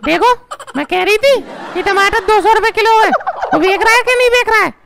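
A woman's voice: very high-pitched, normal speed, creaky, a loud crowd. A woman voicing an indignant, argumentative housewife who haggles in a cartoon comedy, on a noisy track. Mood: complaining. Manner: scolding, argumentative.

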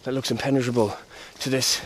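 A man's voice: medium pitch, fairly even intonation, fairly quick, a bit bright, a little hiss or hum. A man in his thirties talking casually to a handheld camera on an outdoor trail, rambling candidly with fillers and restarts. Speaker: hiker vlogger. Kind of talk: casual walking vlog to camera. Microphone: handheld camera at arm's length.

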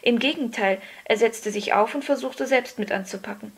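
A woman giving a calm, measured scripted narration of a children's story. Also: fairly high pitch, slightly rough. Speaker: audiobook narrator.

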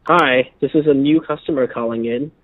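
Male caller, voicemail playback: tinny phone line, husky, plain polite message. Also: mid-range voice, normal speed. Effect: voicemail played back over a phone line.

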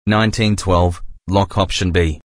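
A man's voice: low voice, steady tone, measured pace. A man voicing a young, cocky yet anxious underdog contestant in a cartoon quiz show parody. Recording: clearly noisy background.

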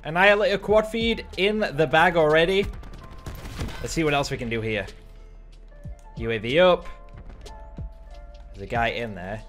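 A young man streaming, giving excitable running commentary on his gameplay from a close mic. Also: a little high, normal speed, long pauses, soft background music. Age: young adult. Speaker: gaming streamer.

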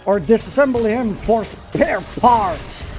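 Excitable swearing man playing a game. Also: sits high, slow pace, soft background music. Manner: swears often, talks to the monster, excitable outbursts. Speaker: gamer. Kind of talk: live gameplay commentary.

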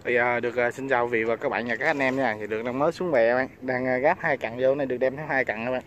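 Man, Southern Vietnamese accent, fishing vlog host, outdoor river raft, excitable exclamations, muffled lo-fi audio, faint wind and water. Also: medium pitch, fast. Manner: bursts into loud exclamations when landing fish.

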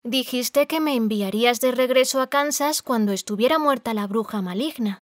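A woman's voice: fairly high pitch, normal speed, dry recording, clean studio sound, voice pushed up, close to an everyday voice. A woman voicing an earnest young girl who speaks insistently in an audiobook.

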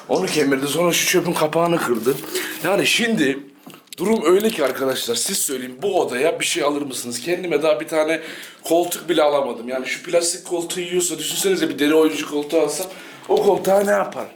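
A man's voice: a little high, fast, noisy background. Chatty man talking to his dog. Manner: chatty, teasing, scolds and coos at his dog. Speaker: dog channel vlogger. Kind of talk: casual vlog talk to viewers and dog. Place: room at home with a dog.

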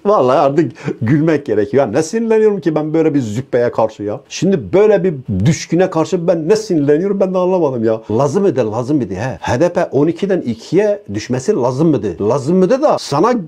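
A man's voice: on the high side, very animated, a little fast, few pauses, warm tone. A man giving an angry online rant as a political commentator, hurling repeated insults in a furious tirade.

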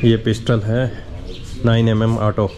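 Here a man with a fairly low voice delivers his vlog narration completely flat and at a measured pace, with crowd noise around him. He's a travel vlogger doing casual, chatty tour-guide commentary in Hindi sprinkled with English, filming with a handheld camera at arm's length in a car and outside. Vehicle and wind noise come through clearly.

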